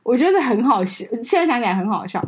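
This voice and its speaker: A woman telling a childhood story in a casual podcast chat, animated and laughing. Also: a little high, fast talker, breathy edge. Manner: animated storytelling, laughing while quoting curses. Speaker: podcast co-host.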